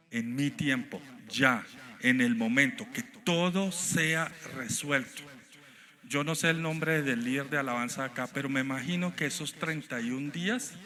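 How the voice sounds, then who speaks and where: Preaching man telling a story. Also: medium pitch. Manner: storytelling, acting out quoted dialogue, rising to loud emphatic points. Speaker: guest preacher. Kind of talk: sermon with personal stories. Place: church sanctuary.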